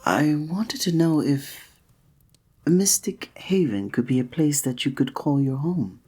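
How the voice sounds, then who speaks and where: A guy voices a gentle, flirty village innkeeper for a scripted roleplay audio drama, talking one-sidedly to the listener. Breathy and very expressive in pitch, he speaks in formal olde-worlde diction, attentive, kindly, courteous and tender.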